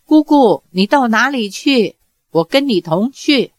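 A woman's voice: mid-range voice, big pitch swings, takes it slowly, darkish tone, no echo, studio quality. A woman voicing an earnest, anxious young male swordsman disciple in an audiobook, stammering when flustered. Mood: pleading. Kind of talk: audiobook character reading.

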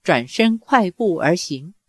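Brief: woman narrator, unhurried expressive novel reading, dry close-miked sound. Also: fairly low pitch, slightly rough, dry recording. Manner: measured, expressive storytelling. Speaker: audiobook narrator.

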